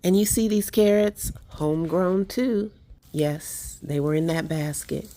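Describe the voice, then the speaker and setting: A woman's voice: lowish voice, measured pace, warm tone, no echo. A middle-aged woman, chatting enthusiastically to viewers as she works in her backyard garden. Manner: chatty, enthusiastic, talks to viewers while working. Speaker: home gardener vlogger. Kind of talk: casual garden walkthrough vlog.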